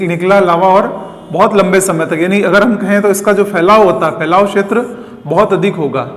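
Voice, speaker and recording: Guy teaching geography, asks himself questions then answers, echoey room. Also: high-pitched. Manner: explains step by step, asks and answers his own questions; draws diagrams while talking. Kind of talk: classroom lecture.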